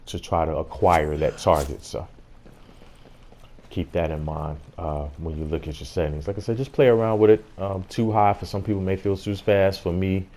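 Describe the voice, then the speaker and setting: A man's voice: low voice, level tone, normal speed, mellow. A man giving a casual gameplay tutorial as host, explaining things in an informal way.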